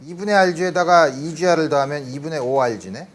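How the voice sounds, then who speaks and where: A man's voice: fairly high pitch, moderate pace, slight background noise. A male physics lecturer talking through problems step by step at a university lecture and checking in with the class. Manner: explains step by step, often asking "그죠?" and mixing in English physics terms.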